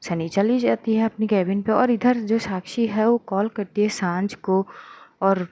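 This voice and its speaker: A woman's voice: mid-range voice, fairly even intonation, measured pace, dark tone. A woman narrating a romance story in a casual, conversational way.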